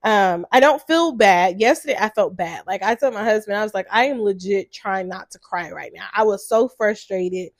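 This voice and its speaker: A woman's voice: mid-range voice, moderate pace, hardly any pauses, no echo. A woman in her thirties hosting a casual solo podcast, chatty and full of "like", with a stuffy, congested nose. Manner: chatty, says "like" a lot. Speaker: podcast host.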